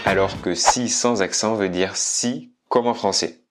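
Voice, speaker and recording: With loud music playing behind him, a man with a lowish voice speaks at a measured pace. He's a Spanish teacher hosting a casual video lesson, talking straight to the viewer and slipping Spanish phrases between explanations in French.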